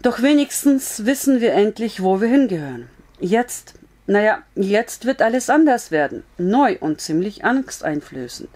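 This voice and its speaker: A woman's voice: mid-range voice, sing-song, measured pace, a little mellow, pitched above the performer's own voice. A woman reading a story aloud, voicing a frank, blunt but comforting young woman in an earnest, raised voice.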